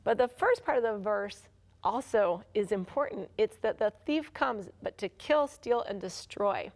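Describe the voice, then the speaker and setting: A woman's voice: medium pitch, lively intonation, measured pace. Earnest woman explaining her ministry. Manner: earnest, explanatory, laughs easily. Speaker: ministry founder, guest. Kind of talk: television interview.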